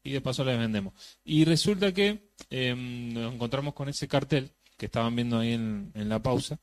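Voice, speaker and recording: Relaxed Argentine co-host, dry sound. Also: male voice, mid-range voice, normal speed, dry recording. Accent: Argentine Spanish. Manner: relaxed, jokey, explains things. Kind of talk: casual studio chat.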